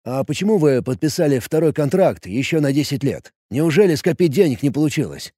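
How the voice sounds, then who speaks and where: A man's voice: sits high, animated, fairly quick, mellow, dry recording, clean studio sound, pitched above the performer's own voice. Man voicing a whiny young goblin recruit. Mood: curious. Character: young timid male goblin soldier, naive and curious.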